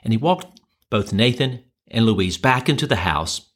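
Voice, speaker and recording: A man preaching, telling a story in a measured, dramatic manner with shifting tempo. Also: mid-range voice, expressive. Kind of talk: sermon storytelling.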